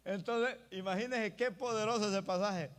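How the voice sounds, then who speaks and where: A man's voice: high-pitched, moderate pace, a bit bright. A male pastor preaching an emphatic sermon, often calling out to the congregation as brothers. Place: church.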